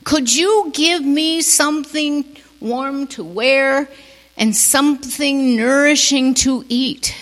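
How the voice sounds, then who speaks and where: A woman preacher voicing a poor old male beggar who pleads weakly for food and warmth, in a long church reverb. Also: high voice, takes it slowly, pitched above the performer's own voice. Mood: pleading. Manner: weak, pleading.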